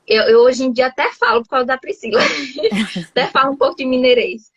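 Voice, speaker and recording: A woman's voice: high-pitched, animated, fairly quick, a bit bright, husky, dry recording. Chatty Brazilian woman on a lo-fi call. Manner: chatty, laughs often, many restarts. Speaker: host, English teacher living abroad. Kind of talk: casual video-call chat.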